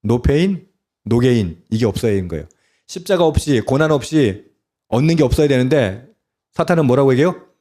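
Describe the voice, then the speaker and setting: A man's voice: mid-range voice, animated, normal speed, warm tone. A male pastor preaching a sermon. He often puts questions to the congregation and repeats key words in short, stressed phrases. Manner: asks the congregation frequent rhetorical questions.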